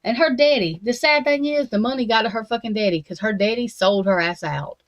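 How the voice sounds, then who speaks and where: A woman's voice: fairly high pitch, a little fast. A woman hosting a true crime talk stream, ranting bluntly and profanely in a casual, rambling way full of restarts and slangy Southern-tinged grammar. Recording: slightly dull, lo-fi sound.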